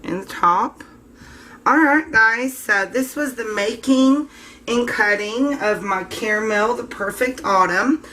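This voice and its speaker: A woman's voice: on the high side, slow pace, bright, forceful tone. A woman hosting a soap-making channel, chatting casually to viewers while she demonstrates and cuts her soap. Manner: chatty, addresses viewers as guys.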